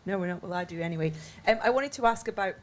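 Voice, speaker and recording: Brisk woman moderating a press conference. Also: lowish voice, slight background noise. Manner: brisk, polite, directs the room.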